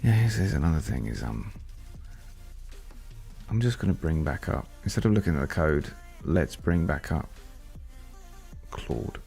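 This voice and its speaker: A man's voice: very deep voice, expressive, a little slow, creaky, long pauses, dark tone, soft background music. A man thinking aloud and rambling as he codes on a casual live stream. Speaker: software developer live-streaming.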